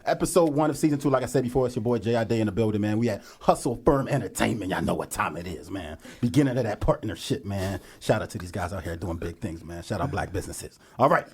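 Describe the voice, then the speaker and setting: Young male podcast host, hype and slangy, fast and animated delivery. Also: fairly low pitch. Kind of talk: casual podcast chat.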